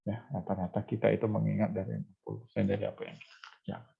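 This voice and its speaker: A man's voice: on the low side, sing-song, fast, gravelly, warm tone, slightly rough, highs cut off. A man lecturing to university students, explaining step by step with many fillers and restarts and checking whether they follow. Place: classroom or online class.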